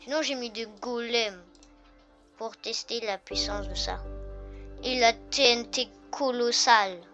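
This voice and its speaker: A woman with a fairly high, sharp-toned voice speaks at a measured pace as she hosts a gaming video. She comments casually and thinks aloud with fillers while testing the game, over background game music.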